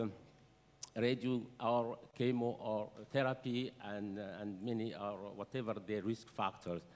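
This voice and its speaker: A man asking a question from the floor at a conference, speaking haltingly with many hesitations. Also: mid-range voice, darkish tone. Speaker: audience member asking a question. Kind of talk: conference panel discussion. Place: conference hall. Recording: reverberant conference hall.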